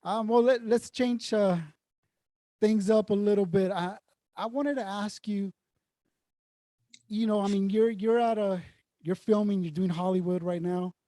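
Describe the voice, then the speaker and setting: A high-voiced man hosts an interview, asking eager questions that come out in halting restarts. The sound is dry and close. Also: fairly even intonation, mellow, no echo. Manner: eager, repeats words while forming questions. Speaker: interview host. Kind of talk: casual interview.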